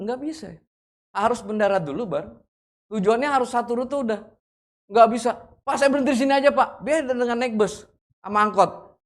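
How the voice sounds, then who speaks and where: A man preaching a sermon in a casual, conversational way. He often calls the congregation "brothers and sisters" and asks them to say amen. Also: high voice. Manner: acts out shouting examples for contrast. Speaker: pastor.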